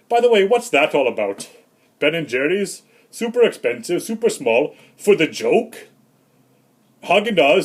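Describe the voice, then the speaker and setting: A man playing a rambling, grumpy old Santa Claus in a comedic vlog monologue, with deadpan, self-important asides. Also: mid-range voice, lightly acted. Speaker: comedy vlogger.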